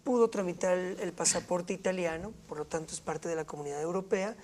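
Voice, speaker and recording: Measured woman on a panel. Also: on the low side, darkish tone, a little hiss or hum. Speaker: academic panelist. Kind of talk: panel discussion.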